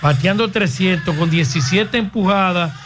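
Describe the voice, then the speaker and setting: A Dominican man co-hosting a sports radio show, reading scores in quick bursts and trading jokes with his co-hosts. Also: sits high, fairly bright tone, faint music behind. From Dominican Republic. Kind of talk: lively sports radio banter.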